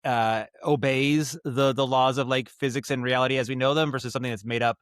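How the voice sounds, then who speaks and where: Appearing as a podcast guest, a writer and audio drama director answers casually, thinking aloud in a rambling, thoughtful way and often rephrasing. His medium-pitched voice is smooth, fairly quick, and fairly even. The recording is studio quality with no room sound.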